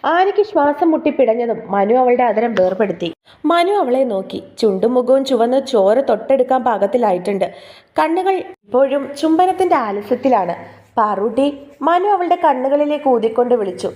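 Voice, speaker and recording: A woman's voice: on the high side, lively intonation, brisk, dark tone. A woman narrating a romance audio story in an intimate, gossipy storytelling manner.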